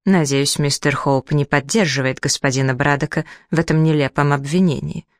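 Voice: fairly even intonation, normal speed, no echo, clean studio sound, lightly acted. A reader voicing an indignant, plump middle-aged widow who makes theatrical complaints. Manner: shrill outrage, theatrical complaints.

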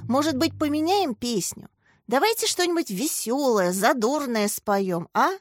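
A woman voicing a young female schoolteacher who is gentle and a little nervous. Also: high voice, animated, measured pace, no room sound, clean studio sound, soft background music, pitched above the performer's own voice.

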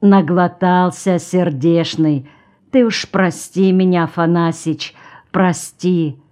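A woman's voice: on the low side, fairly even intonation, slow pace, a little mellow. A woman reading the lines of a tired, plain-spoken male horseman in an audiobook, in blunt country speech. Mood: remorseful.

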